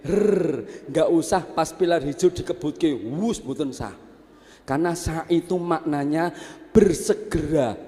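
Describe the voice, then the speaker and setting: A male preacher tells a sermon story in a high, lively voice, slow and deliberate. He teases the audience with asides, and his voice carries a long reverb from a large hall. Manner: animated, mixes in Javanese asides to the audience.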